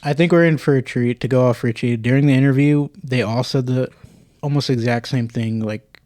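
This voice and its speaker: A man's voice: medium pitch, fairly quick, darkish tone, no echo. Opinionated young man, dry close sound. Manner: earnest, opinionated, stumbling restarts. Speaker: podcast co-host. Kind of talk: casual chat.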